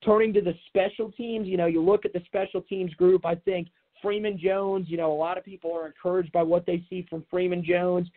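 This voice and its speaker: A man's voice: high voice, steady tone, a little fast. A man hosting a sports podcast solo, talking casually and off the cuff in a rambling way with many filler phrases. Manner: rambling, repeats filler phrases like "you know". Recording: tinny, narrow phone-like sound.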